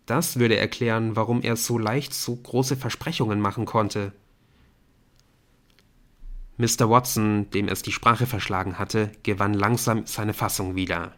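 A man reads an audiobook aloud with a fairly low voice. His narration is steady and even. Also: measured pace.

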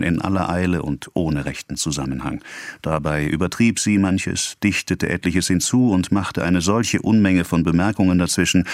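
A male narrator reads a novel in a measured, expressive way. His voice sits very low. The recording is dry and close, with no room sound. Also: no echo. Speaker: audiobook narrator.

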